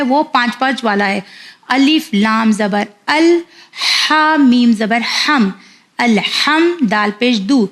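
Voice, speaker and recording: A woman teaching Quran reading to children, spelling out syllables one by one, repeating them and correcting common mistakes. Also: high voice. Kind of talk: slow spelled-out recitation lesson.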